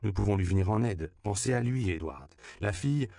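A man's voice: on the low side, lively intonation, fairly quick, creaky, dark tone, no echo, studio quality. A man voicing a kindly, worried male religious brother. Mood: earnest.

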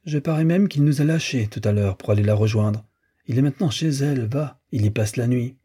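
A man's voice: mid-range voice, a little fast, mellow, breathy edge, close to an everyday voice. A man voicing a smug, suspicious middle-aged husband who insinuates and gloats, in an audiobook reading. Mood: gloating. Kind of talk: audiobook character voice.

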